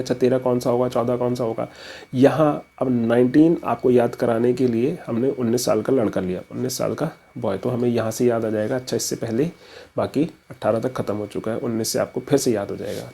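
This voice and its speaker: Husky-voiced man teaching with stories. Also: mid-range voice, dark tone, low-quality recording. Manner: story-driven, casual, mixes in English terms. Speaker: educator. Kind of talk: explaining a memory trick.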